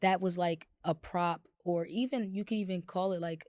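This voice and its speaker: A podcast co-host chats casually in a slightly low voice that's raspy and roughened by a cold. Relaxed, she meanders through her thoughts at a normal speed with lots of fillers, and the recording is close and dry.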